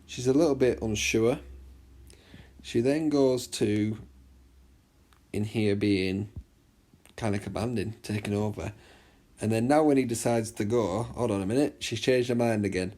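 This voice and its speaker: A man teaching an exam revision lesson in a chatty way, often checking understanding and reading the extract aloud slowly. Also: lowish voice, dark tone. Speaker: English literature teacher.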